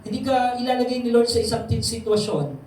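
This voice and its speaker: A man's voice: extremely high pitch, fairly quick, a little mellow. A man preaching a sermon as pastor, talking conversationally and often asking the congregation questions. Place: church hall. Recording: very echoey hall, distant mic, faint noise.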